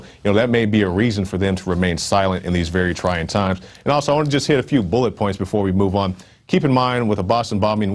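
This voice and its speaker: A male online show host giving emphatic news commentary, with casual asides and fillers. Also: sits low.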